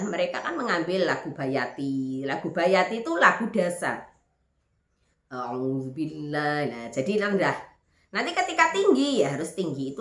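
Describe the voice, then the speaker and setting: A woman's voice: medium pitch, fairly bright tone. A woman music teacher giving an online lesson, explaining step by step and checking that students follow. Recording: echoey room.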